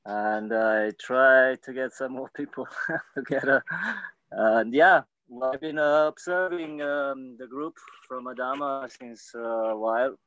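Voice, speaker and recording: A man from Slovenia, a native Slovenian speaker, talking hesitantly in English with many pauses and fillers. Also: mid-range voice, a bit bright, no room sound, lo-fi sound. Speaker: participant.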